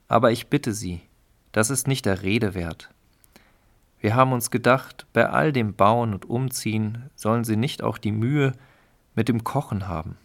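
A man's voice: on the low side, unhurried, gravelly. A man voicing a polite, determined female sparrow in a storybook reading. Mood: friendly. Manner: polite then resolute. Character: brave female sparrow, friendly, determined mother.

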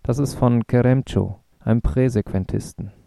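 A man voicing an earnest young male physicist who explains things calmly, in a read-aloud story. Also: medium pitch, moderate pace, gravelly, lightly acted. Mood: explaining.

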